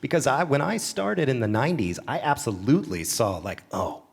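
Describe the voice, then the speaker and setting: Man auctioneer, lively storyteller. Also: medium pitch, fairly quick, gravelly, slightly rough. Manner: lively storyteller who acts out bidders. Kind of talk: panel discussion. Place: symposium stage before an audience.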